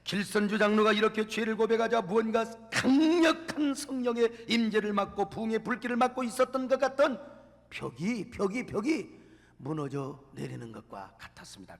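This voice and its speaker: A male pastor preaches a dramatic story sermon, swinging between shouts and hushed whispers. His voice sits very high. It carries a long reverb from a large church sanctuary. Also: animated, normal speed, vocal fry.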